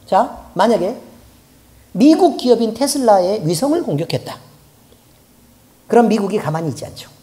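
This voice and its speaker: A woman's voice: a little high, dark tone. A woman pastor preaching a sermon in a colloquial way, often putting rhetorical questions to the congregation. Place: church.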